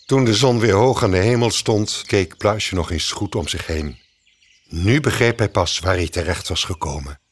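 Man reading a kids' bedtime-type story, slow and gentle, lots of up and down in his voice. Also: sits low, breathy edge. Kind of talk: scripted children's story narration.

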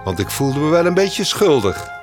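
A man voicing a kind but boastful male mockingbird in a children's story, in a slightly raised, lively tone. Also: fairly high pitch, normal speed, over music, pitched above the performer's own voice. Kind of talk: storybook narration.

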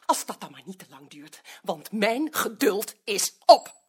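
An actress playing a stern office colleague who insists and complains, in an indignant manner. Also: female voice, mid-range voice, very animated, a little slow, breathy edge, exaggerated voice. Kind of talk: drama acting.

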